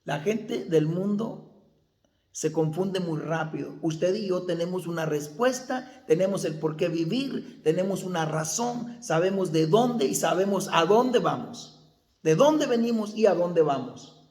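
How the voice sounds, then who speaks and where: A man's voice: high-pitched, lively intonation, unhurried, a little mellow, echoey room. A male pastor preaching a sermon, asking the congregation questions and answering them himself.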